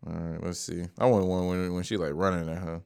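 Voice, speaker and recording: A man's voice: low voice, little pitch movement, fairly quick, creaky, a little mellow, clear, resonant tone. A man co-hosting a casual show, reacting to music videos with loose, profane banter and laughter. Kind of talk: casual chat.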